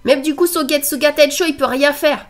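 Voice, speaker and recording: A woman with a stuffy nose and a nasal voice, commenting excitedly on an anime episode and reading its subtitles aloud. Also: high-pitched, fairly quick, soft background music. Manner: excitable, exclaiming and laughing between read-out subtitles. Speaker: anime reaction host.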